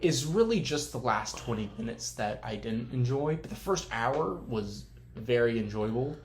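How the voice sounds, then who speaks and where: A young man co-hosting and editing a casual movie podcast, relaxed and joking, often restarting his words, recorded on his laptop microphone. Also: medium pitch, normal speed, noisy background. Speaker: podcast co-host and editor. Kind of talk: casual chat.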